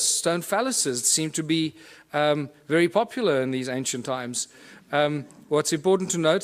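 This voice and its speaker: A man's voice: on the high side, reverberant, rough recording. A man giving a lecture with a hands-on demonstration, explaining in a loose, rambling way with fillers and restarts.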